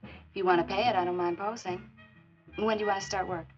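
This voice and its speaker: A woman's voice: mid-range voice, steady tone, quick pace, natural voice. An actress playing a vain, haughty young beatnik woman and model, with sneering delivery in 1950s film style. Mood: curt. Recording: dull 1950s film soundtrack, music behind.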